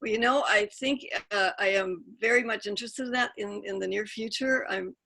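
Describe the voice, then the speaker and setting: A woman's voice: medium pitch, normal speed, bright, forceful tone. A middle-aged woman author on a video call, talking in a chatty, self-interrupting way. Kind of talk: casual Zoom Q&A.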